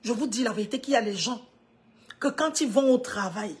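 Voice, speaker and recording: A woman's voice: a little high, lively intonation, a little fast. A woman in her fifties from Cameroon, with a Cameroonian French accent, giving an earnest motivational talk on a live stream. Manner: earnest, swings from hushed to emphatic.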